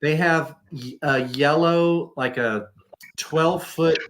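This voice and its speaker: Swearing, ranting man, slightly high voice. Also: slow pace, fairly bright tone, a little hiss or hum, rough recording. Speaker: co-host of a live variety show. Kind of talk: casual profane chat.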